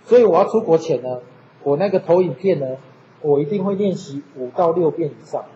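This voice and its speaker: A man teaching a university class, chatty and animated, often asking his students rhetorical questions. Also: on the high side, a little fast, a little hiss or hum. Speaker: university lecturer. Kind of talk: classroom lecture. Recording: echoey lecture hall, dull lo-fi sound.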